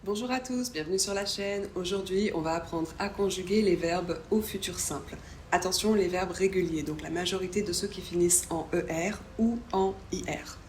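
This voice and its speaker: A woman's voice: on the low side, moderate pace, darkish tone. A woman hosting a language channel, carefully explaining grammar and pronunciation step by step. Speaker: French teacher and channel host. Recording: echoey room with faint background hum.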